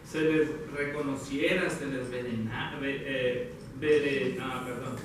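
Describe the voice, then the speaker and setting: A man's voice: medium pitch, steady tone, background noise. Echoey, distant man preaching in a church. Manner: addresses listeners as brothers, halting with self-corrections. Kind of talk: sermon. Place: church hall. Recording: very echoey hall, from far off.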